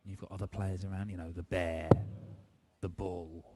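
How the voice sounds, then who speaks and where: A man's voice: deep voice, flat delivery, normal speed, dark tone, no room sound. A man giving live darts commentary with conversational analysis of the players and the play. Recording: clearly noisy live sports broadcast.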